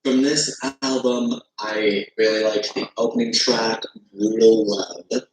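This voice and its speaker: A man's voice: on the low side, fairly even intonation, takes it slowly, darkish tone. A man in an old video, hesitantly listing his favorite songs with many fillers. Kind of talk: casual music review. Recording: echoey room.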